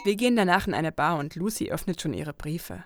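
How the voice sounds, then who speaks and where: A woman reading a first-person story aloud in a calm, even manner. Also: low-pitched, fairly quick, loud music behind the voice. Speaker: audiobook narrator.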